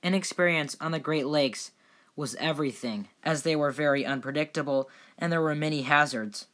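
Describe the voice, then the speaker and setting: Bright-voiced male documentary narrator. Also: fairly high pitch, normal speed.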